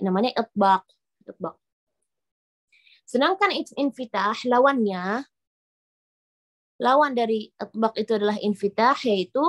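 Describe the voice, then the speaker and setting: A woman teaching Arabic letter pronunciation, explaining patiently, repeating each point and demonstrating the sounds. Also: on the high side. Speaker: Quran recitation teacher.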